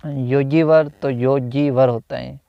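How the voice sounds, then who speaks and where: Working through a Hindi grammar lesson at an unhurried pace, the teacher repeats every corrected word in the pattern "तो ... होता है", stumbling with fillers and correcting himself. His mid-pitched voice has a gravelly edge but stays smooth and resonant. A cheap-sounding microphone gives a dry, somewhat dull sound with no room sound.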